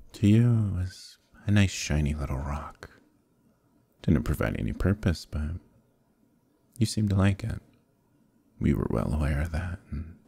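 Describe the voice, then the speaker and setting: In an ASMR roleplay, a man voices a smug, menacing evil knight, delivering a slow, intimate, condescending monologue with soft threats. His voice is very deep, gravelly and husky, heavily acted, with no room sound.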